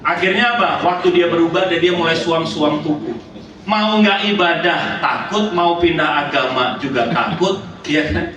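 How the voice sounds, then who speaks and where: Animated preacher man in an echoey church. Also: a little slow, crowd noise. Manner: lively storytelling preacher, pitch swinging high and low, calling for amens. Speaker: pastor. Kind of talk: sermon. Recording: echoey hall from far off, noisy.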